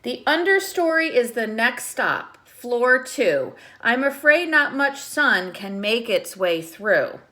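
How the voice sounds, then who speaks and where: With a fairly high pitch, a woman reads a children's picture book at a slow pace, rarely pausing. Her teacher-like delivery is expressive, with short asides explaining things to the young listeners.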